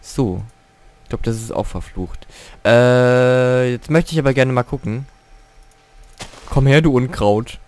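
Brief: man, casual let's-play gamer at home, mid-pitched, excitable and cursing at the game. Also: slow, pauses often, dry recording. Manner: excitable, swears and grumbles at the game. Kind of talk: casual gameplay commentary.

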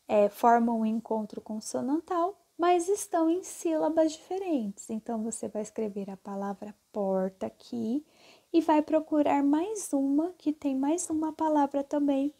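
A woman's voice: sits high, warm tone. A woman teacher, patiently walking young pupils through textbook exercises step by step. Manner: slow, patient, repeats steps with "tá?". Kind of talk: classroom lesson explaining exercises.

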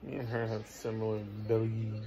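Tired guy mumbling along, gravelly low-key voice. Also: little pitch movement, normal speed, crowd noise. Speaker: vlogger's partner. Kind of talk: casual chat.

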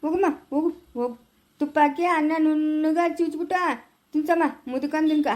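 A stubborn village son, acted by a woman, talks back in a high, quick voice. He speaks with a rural Chikkaballapura Kannada accent, curt and dismissive. It is an amateur family skit. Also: steady tone, lightly acted. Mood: soothing. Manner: curt, dismissive, then soft cooing with a baby. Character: grown village son, defiant and sharp-tongued.

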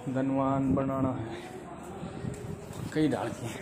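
A man's voice: medium pitch, flat delivery, slow pace, very noisy. A young man, chatting casually as he walks through temple grounds, filming himself on a phone at arm's length. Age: young adult. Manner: chatty, calls viewers brother, narrates as he walks. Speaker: travel vlogger. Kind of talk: casual walking vlog. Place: temple grounds and stairwells, indoors and out. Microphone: phone held at arm's length.

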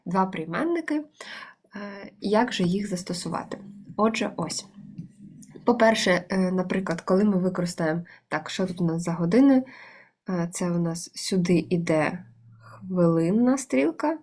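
A woman's voice: on the low side, expressive, normal speed, a little mellow. A woman teaching an online language lesson, explaining step by step with many fillers.

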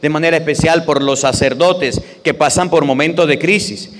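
A priest preaches with insistent, repeated phrases, his rather high voice ringing through a big church. A long reverb trails every line. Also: moderate pace, noisy background. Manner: emphatic, repetitive preaching. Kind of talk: homily and prayers at Mass. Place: large church. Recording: echoey church hall.

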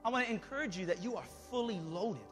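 A thirty-something preacher addresses a congregation from the church stage, exhorting them fervently and pausing for his interpreter. He speaks quickly in a high-pitched voice over background worship music.

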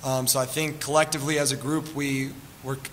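A man's voice: mid-range voice, level tone, brisk. A man in his twenties with an American accent, a college goalkeeper answering questions in a post-game interview. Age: 20s. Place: press conference table with backdrop. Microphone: table stand microphone. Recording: reverberant hall, faint room noise.

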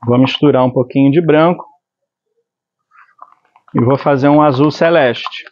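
A Brazilian man in his forties teaches screen printing in his workshop, mixing inks and explaining each step in a medium-pitched, steady, unhurried voice. He keeps checking in with the viewer using tag questions like "tá?" in this hands-on tutorial. Recorded on a lapel mic, the sound is slightly dull and lo-fi.

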